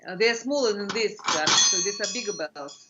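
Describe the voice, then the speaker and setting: A middle-aged woman from Russia with a Russian accent, explaining things as an interview guest in halting, fragmented phrases, searching for words. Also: medium pitch, animated, heavy background noise. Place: furnished room indoors. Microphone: video call computer microphone. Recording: muffled lo-fi video-call audio.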